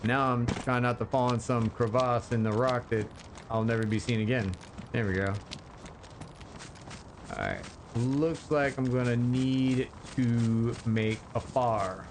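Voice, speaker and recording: A man commentates casually on his game during a live stream, joking and chatting with viewers in a slow, rambling way full of fillers. His voice is medium-pitched and animated, with a noisy background.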